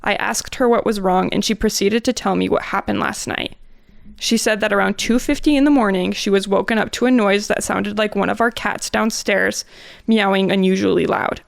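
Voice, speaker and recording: Young woman podcast host, fry in her voice, chatty, reads stories out loud. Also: mid-range voice, steady tone, normal speed, no echo, clean studio sound. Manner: giggly, chatty. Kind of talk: casual chat and reading stories aloud.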